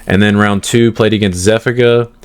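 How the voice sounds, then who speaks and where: A deep-voiced man hosting a gaming podcast, talking through his matches in an easygoing, unhurried way. He pauses often with "um" and "uh" as he explains game rules. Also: steady tone, clear, resonant tone. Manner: laid-back, hesitant, frequent "um" and "uh". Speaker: podcast host. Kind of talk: casual chat recapping card tournaments.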